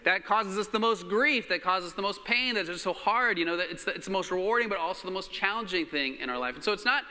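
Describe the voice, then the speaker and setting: Man preaching into a pulpit microphone. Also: high voice. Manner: relaxed, halting, with many fillers. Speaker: pastor. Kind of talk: sermon. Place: church hall. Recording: reverberant church hall.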